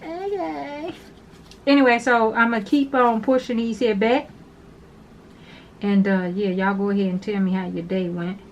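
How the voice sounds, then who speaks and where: A woman's voice: mid-range voice, flat delivery, moderate pace. Chatty woman doing a home nail vlog. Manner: talkative, addresses viewers as "girl"; rambling, repeats herself. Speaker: nail tutorial vlogger. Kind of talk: casual chatty tutorial. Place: small home room with an overhead fan. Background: fan hum.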